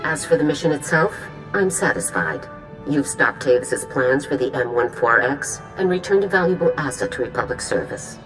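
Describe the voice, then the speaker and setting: A woman playing a stern, commanding military general in a video game, with a brisk, authoritative manner. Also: very deep voice, very animated, poor audio. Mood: stern, dry. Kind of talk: video game cutscene acting. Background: music.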